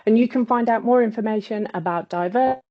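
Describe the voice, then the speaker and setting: A woman's voice: on the high side, fast. A woman chairing an online panel whose audio keeps cutting out on a bad connection. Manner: warm, eager welcoming tone. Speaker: webinar chair. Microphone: video call. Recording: dull lo-fi video call audio.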